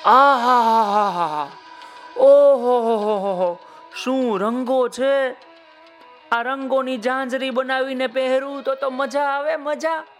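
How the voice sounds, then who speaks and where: A small, wide-eyed female ant from a children's storybook, put on by a male narrator. She squeals with wonder and drags her words out in long, high cries. Her voice sits far above a grown man's. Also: a bit bright, faint music behind, exaggerated voice. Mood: delighted. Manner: squealing, drawn-out exclamations. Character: small excited female ant, eager and curious.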